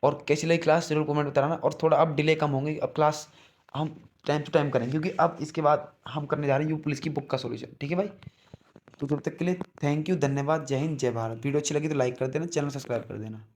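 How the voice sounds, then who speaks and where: A young man teaching an online exam-prep lesson, repeating each word and often asking the listeners, whom he calls brother, whether it is clear. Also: a little high, fairly even intonation, quick pace, a little mellow, slight background noise. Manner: repeats words and checks understanding often.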